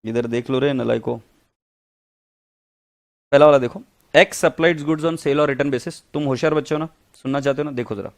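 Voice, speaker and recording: A man with an Indian accent teaching an accounts class online, reading English text slowly and explaining in fast Hindi with teasing asides to students. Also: fairly high pitch, steady tone.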